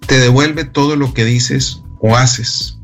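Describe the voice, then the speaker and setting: A man voicing a calm, wise father in a retold story, speaking slowly and gently. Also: mid-range voice, vocal fry, soft background music. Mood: gentle. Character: calm wise father teaching his son.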